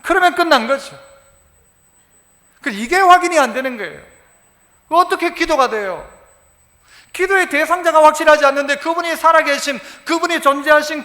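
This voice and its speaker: A male pastor preaching a sermon, animated and acting out dialect dialogue. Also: very high voice, a little fast. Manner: animated, quotes dialogue in dialect, shouts for emphasis. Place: church sanctuary. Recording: church sanctuary with long reverb.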